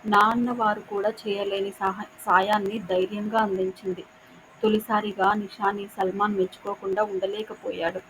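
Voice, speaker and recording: A woman narrating a short story in a steady, measured reading voice. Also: medium pitch, background noise.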